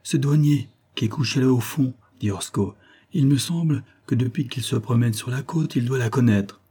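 A man's voice: mid-range voice, normal speed, dark tone, husky, pitched above the performer's own voice, lightly acted. A man voicing a loyal, bluff sailor in a read-aloud novel, with a hearty manner.

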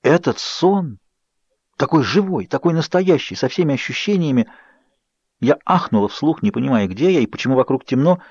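A man reading an audiobook as scripted narration, expressive and measured. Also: mid-range voice, breathy edge, dry recording. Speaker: audiobook reader. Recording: dull, dry studio audio.

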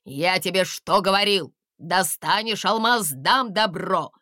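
A woman's voice: lowish voice, slow, bright, forceful tone, dry recording, clean studio sound. Woman doing a bossy grumpy king. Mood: indignant.

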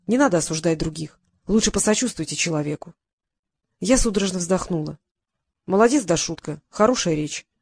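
A woman narrating a first-person detective audiobook in a lively, ironic storytelling manner. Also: lowish voice, brisk, slightly rough, no echo.

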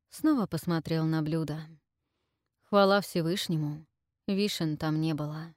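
A woman narrates an audiobook in a slow, deliberate, measured reading. Her voice sits somewhat low, and the recording is dry and close. She keeps a steady storytelling pace. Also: dry recording. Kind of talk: scripted narration.

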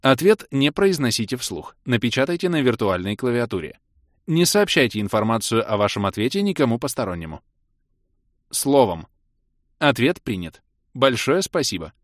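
A man's voice: medium pitch, sing-song, normal speed, dry recording, studio quality, voice pushed up, natural voice. A man voicing a formal magical system that announces questions in an official tone.

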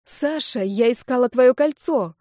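A woman's voice: unhurried, dark tone, no room sound, studio quality. A woman voicing a desperate young red-haired woman who pleads and protests through tears. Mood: pleading. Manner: pleading, tearful, raised high voice.

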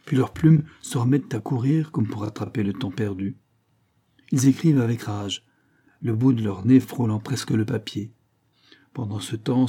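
Male audiobook narrator, low-pitched, very dark and husky, measured literary reading.

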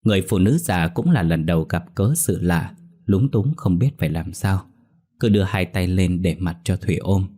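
A man narrating a scripted ghost story as a storyteller, steady and measured. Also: low-pitched, slightly rough.

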